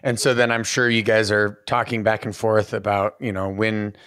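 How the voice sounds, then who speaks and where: A man's voice: lowish voice, level tone, moderate pace, fairly bright tone, smooth, no echo. A man in his thirties hosting a podcast from a home studio, asking long, rambling questions full of fillers. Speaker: podcast host. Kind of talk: casual interview. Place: home room with bookshelf. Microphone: podcast mic on boom arm, headphones.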